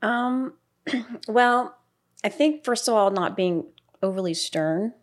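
A middle-aged woman, a school paraprofessional, talking casually in an interview, chatty and quick to laugh, with many fillers. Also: on the high side. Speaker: paraprofessional guest.

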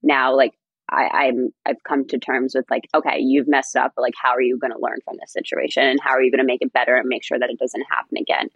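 Low, husky-voiced young woman chatting. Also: quick pace, dry recording, lo-fi sound. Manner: chatty, many "like" fillers, animated storytelling. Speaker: podcast guest, personal assistant. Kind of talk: casual podcast chat.

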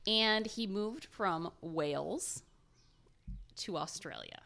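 A woman's voice: medium pitch, lively intonation, slow, vocal fry, noisy background. A young woman co-hosting a casual podcast, telling a story in a rambling, giggly way with chatty asides.

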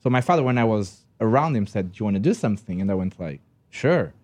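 A man's voice: lowish voice, expressive, fast, darkish tone. A man from Portugal with a Portuguese accent, a magician telling his story earnestly on a podcast. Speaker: magician guest. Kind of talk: casual podcast conversation.

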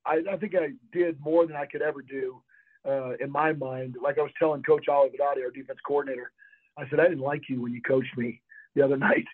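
A man's voice: medium pitch, steady tone, a little fast, dry recording. Older man on a tinny phone line. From Florida. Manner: rambling anecdotes with restarts, emphatic, laughs often. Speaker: former college football player, guest. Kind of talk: interview storytelling.

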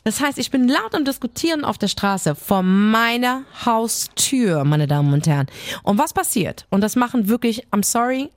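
A woman's voice: fairly high pitch, animated, dry recording. A woman co-hosting a podcast, telling stories in an emphatic, fiery way in casual chat. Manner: fiery storytelling, quick, emphatic. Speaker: podcast co-host.

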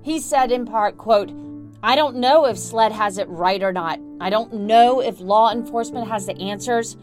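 High-voiced woman narrating news over music. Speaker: podcast host and reporter.

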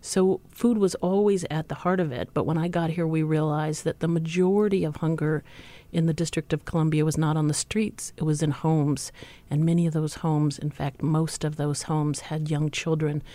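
A nonprofit leader answers an interview question, building steady rhythmic lists. The voice is mellow and the sound is dry. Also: mid-range voice, normal speed, dry recording.

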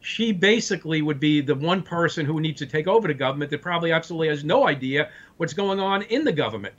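A man with a distinct Brooklyn accent speaks in a somewhat high register. He is a blunt, straight-shooting political guest, and his audio is slightly dull and lo-fi. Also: animated, fast talker. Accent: Brooklyn, New York. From Brooklyn, New York. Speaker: political party chairman, interview guest. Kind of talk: political commentary in a broadcast interview.

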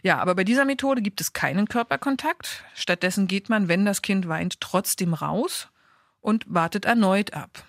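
A woman's voice: mid-range voice, normal speed, dry recording. Earnest woman explaining parenting, dry close mic. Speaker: parenting podcast co-host. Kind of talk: casual informative chat.

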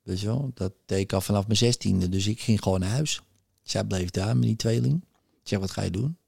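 A man in his forties tells candidly of his past addiction, halting and full of fillers. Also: fairly low pitch, vocal fry, a little mellow, slightly rough, no room sound, studio quality. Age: 40s. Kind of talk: personal story about recovering from addiction.

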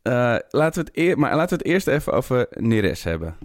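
A man's voice: medium pitch, big pitch swings, brisk, dry recording, studio quality. A man in his forties with an Amsterdam Zuid accent, hosting a casual podcast chat and talking hesitantly with many fillers. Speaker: podcast host.

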